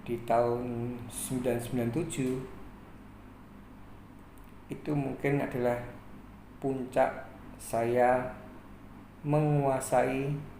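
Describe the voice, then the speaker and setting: A man in his forties from Indonesia, hosting his channel and narrating his own life story in a measured way with frequent pauses. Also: mid-range voice, mellow. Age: 40s. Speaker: channel host. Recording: echoey room, faint ambient noise.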